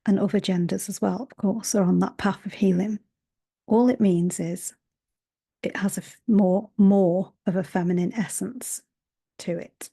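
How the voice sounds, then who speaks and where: Talking to camera through an earbud mic, a woman who works as a hypnotherapist and healer offers a gentle spiritual talk. Her mid-range voice keeps a fairly even intonation and a slightly slow pace, with a sore-throat rasp and frequent half-whispering.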